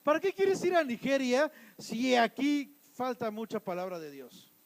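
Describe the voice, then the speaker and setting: A male pastor with a Mexican accent delivering a church sermon. His voice sits high for a man. He fires rhetorical questions at the congregation, then swings from forceful loud points to quiet asides. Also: sing-song, a little slow, rough recording. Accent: Mexican Spanish.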